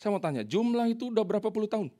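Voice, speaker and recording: A man preaching a sermon to his church congregation, telling stories in a lively, animated way. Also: high voice, very fast. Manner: animated storytelling, addressing the congregation. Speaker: pastor.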